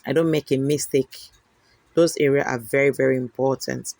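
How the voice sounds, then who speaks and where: A man's voice: medium pitch, steady tone, normal speed, creaky, a little mellow, no room sound. A man explaining how to cut and notch fabric pieces in a sewing tutorial. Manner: instructive, checks in with "okay?". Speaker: sewing instructor.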